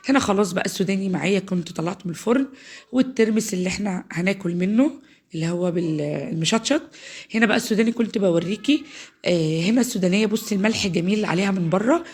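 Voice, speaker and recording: Speaking very fast, the Egyptian home cook has a medium-pitched, slightly mellow voice with some breathiness, shaped by the cold she's nursing. She keeps up a friendly patter in her home kitchen, explaining each stage of the dish to viewers.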